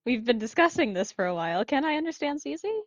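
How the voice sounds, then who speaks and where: A woman's voice: high voice, very animated, fast. A woman playing a tabletop game, bantering and laughing with the game master. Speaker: player. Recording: dull, dry lo-fi mic.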